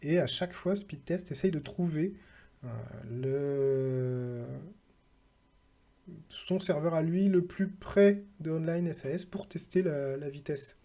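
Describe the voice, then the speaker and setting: A man's voice: on the high side, takes it slowly, mellow. A man talking casually through a screen-recorded tech tutorial, thinking aloud and reading out numbers with hesitant fillers.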